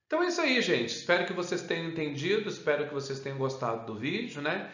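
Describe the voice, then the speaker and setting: A man with a Brazilian Portuguese accent teaches an English grammar lesson, keeps adding "né?" and says the English examples slowly. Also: fairly high pitch, sing-song, a bit bright. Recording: roomy, dull lo-fi sound.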